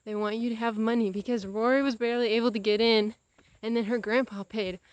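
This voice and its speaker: Her voice sits a little high and moves a little fast, with a clean tone and no room sound. This young adult vlogger talks casually and candidly to the camera, acting out quoted dialogue with lots of animation.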